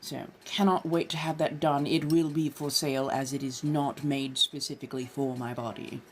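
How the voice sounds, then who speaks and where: A California woman hosting a livestream chats casually in a put-on posh colonial American accent, using affected, genteel phrasing and calling listeners dears and darlings. Her voice is very deep, her intonation fairly even, her speed normal, with a little hiss or hum.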